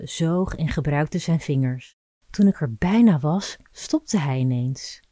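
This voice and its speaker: A woman reading a scripted erotic story aloud in an intimate, measured storytelling manner. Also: deep voice, warm tone, no echo. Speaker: narrator.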